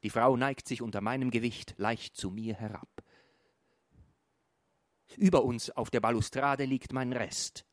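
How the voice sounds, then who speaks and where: A man reading a surreal story aloud, swinging from a hushed murmur to a raised, urgent voice and often stumbling over his words. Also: medium pitch, steady tone, unhurried, pauses often, dry recording. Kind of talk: literary reading.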